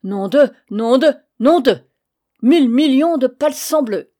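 Woman playing a huge hot-headed mason from a storybook, swearing, loud, mellow dark voice, dry close sound. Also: sits high, expressive, slow pace, pitched above the performer's own voice, exaggerated voice. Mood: bellowing. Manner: shouted oaths. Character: furious hulking male mason, loud swearer.

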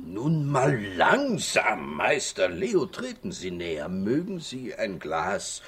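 A man playing a kindly, courteous animal doctor in a children's radio play, speaking in a measured, earnest way. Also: fairly low pitch, huge pitch swings, over loud music, heavily acted. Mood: calm, persuasive.

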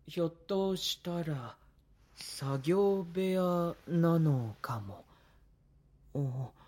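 Timid young male vampire, gentle, breathy half-whispered murmur, hesitant, very unhurried, intimate audio drama. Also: a little high.

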